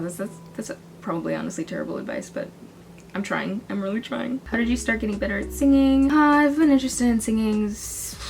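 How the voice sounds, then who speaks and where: A young woman talking casually in a vlog, giving singing advice with a chatty, self-deprecating manner and frequent laughs. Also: mid-range voice. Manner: chatty, self-deprecating, laughs often, breaks into sung demos. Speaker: singing vlogger.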